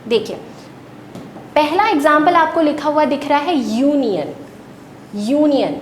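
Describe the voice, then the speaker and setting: A woman's voice: lively intonation, a little slow. A woman teacher, giving a patient classroom lecture and answering her own questions. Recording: echoey room with faint rumble.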